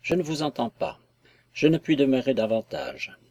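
A tender, shy young noblewoman, soft hesitant replies, dry close sound, read by a man. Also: medium pitch, sing-song, normal speed, no room sound.

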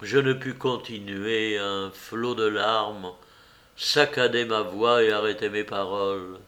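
A man reading a novel aloud in a measured, dramatic storytelling manner. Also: lowish voice, steady tone, fairly bright tone. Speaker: audiobook reader.

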